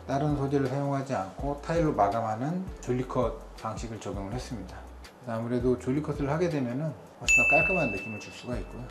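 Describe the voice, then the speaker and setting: A man who heads an interior design firm, explaining renovation details in a brisk, technical, matter-of-fact way. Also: mid-range voice, roomy sound. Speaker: interior design company head.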